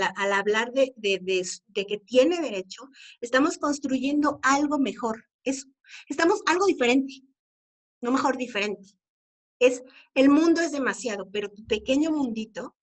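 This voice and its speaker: A middle-aged Mexican woman giving an informal, earnest talk to parents, often asking rhetorical questions. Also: a little high. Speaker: speaker on parenting and equality.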